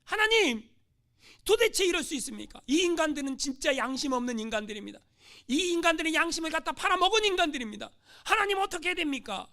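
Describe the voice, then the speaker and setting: A man's voice: sits high, big pitch swings, brisk, pushed and bright, full character voice. A man voicing an indignant male missionary who keeps exclaiming his complaints, in a sermon story.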